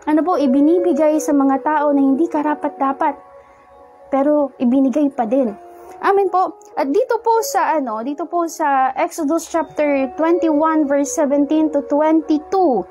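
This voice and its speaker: A woman preaching a sermon with a Filipino accent, telling stories in a polite, unhurried way and filling pauses with "ano po". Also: high voice, darkish tone, faint music behind. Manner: polite, unhurried storytelling with frequent "ano po" fillers.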